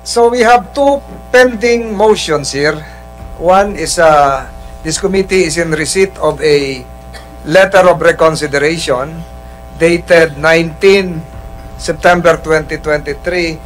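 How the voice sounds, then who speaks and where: A man's voice: fairly high pitch, rough recording. A man chairing a hearing, speaking formally with frequent hesitations. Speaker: committee chair. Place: legislative hearing room.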